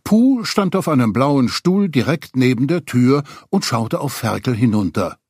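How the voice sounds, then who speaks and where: A man reading a children's story aloud, expressive storyteller. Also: mid-range voice, a little slow, husky, no echo, clean studio sound. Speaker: narrator.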